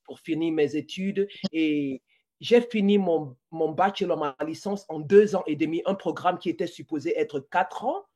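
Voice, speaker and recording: This podcast guest, a Cameroonian woman in her forties, has a warm voice that sits low and moves at a moderate pace. Talking conversationally in an interview, she speaks French sprinkled with English words and keeps restarting.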